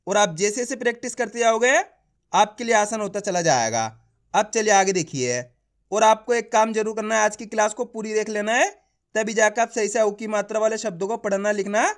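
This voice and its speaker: Using a high voice, a male tutor spells words syllable by syllable at a slow pace during an online reading lesson, checking regularly that his learner follows along.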